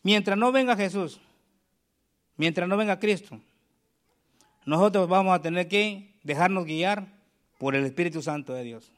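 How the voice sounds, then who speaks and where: A man preaching a sermon, reading scripture aloud slowly and calling the congregation for amens. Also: high voice.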